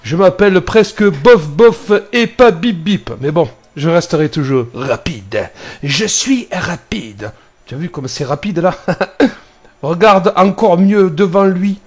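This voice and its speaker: A man's voice: high voice, a little slow. A man driving a truck in France, commenting on the road in a joking, exasperated way. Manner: joking, animated, exasperated at other drivers. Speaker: truck driver. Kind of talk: casual dashcam commentary.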